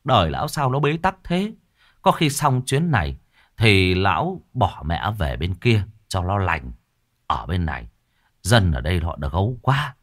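A man narrates a ghost story in a low voice. His delivery is dramatic and expressive, and his pitch moves widely through each line. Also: unhurried, no echo, studio quality.

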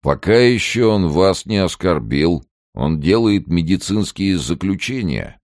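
A man voicing a gendarme who speaks drily with quiet mockery. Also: deep voice, animated, unhurried, dry recording, voice pushed up. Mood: mocking. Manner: dry, mocking. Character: dry gloating male gendarme.

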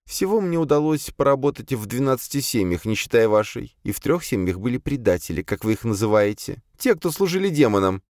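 A man's voice: medium pitch, sing-song, brisk, hardly any pauses, a little mellow, no room sound, clean studio sound, pitched above the performer's own voice, natural voice. A man voicing a young female demon disguised as a servant, speaking meekly and deferentially in an audiobook. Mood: subdued, confessing. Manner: timid, deferential, pleading.

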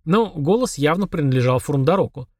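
A man narrating an audiobook in an even storytelling manner. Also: fairly high pitch, brisk, no room sound, studio quality, recorded from a distance. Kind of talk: scripted narration.

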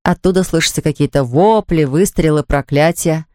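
Lady reading a kids story, lowish voice, super dry close sound. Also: normal speed, dry recording. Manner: steady, descriptive. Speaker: narrator. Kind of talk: storybook narration.

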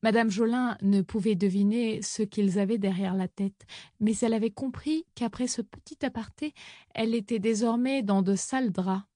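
A woman narrating an audiobook story in an even, measured reading on a close microphone. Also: medium pitch, dry recording.

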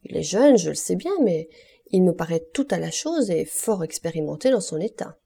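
A good-natured, middle-aged shipowner who talks cordially and with exclamations, as a woman reads him in an audiobook. The voice sits low with a gravelly, husky edge. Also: expressive, normal speed, dark tone, exaggerated voice. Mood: friendly. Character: warm middle-aged male shipowner, jovial. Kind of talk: audiobook reading.

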